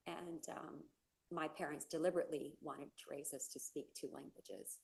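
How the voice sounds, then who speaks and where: A middle-aged woman from California, a native Spanish speaker, giving an earnest, halting public comment at a council meeting. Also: low-pitched, steady tone, creaky, low-quality recording. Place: council chamber.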